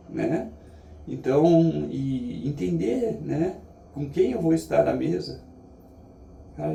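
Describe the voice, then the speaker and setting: A Brazilian man giving a reflective, casual monologue in an earnest, halting way, often checking in with short tag questions. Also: a little high, vocal fry, warm tone. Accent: Brazilian Portuguese. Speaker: vlogger sharing daily reflections. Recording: echoey, distant mic, faint background noise.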